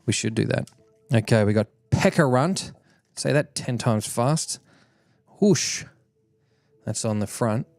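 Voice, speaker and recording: A man's voice: medium pitch, lively intonation, slow, creaky, pauses often, a little mellow, no room sound. A man streaming, chatting casually and laughing often as he opens card packs and reads chat aloud.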